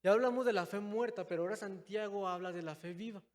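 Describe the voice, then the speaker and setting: A young man preaching a sermon in a church, calling his listeners brothers and moving between loud, stressed phrases and quiet, low asides. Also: fast talker. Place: church hall. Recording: long hall reverb.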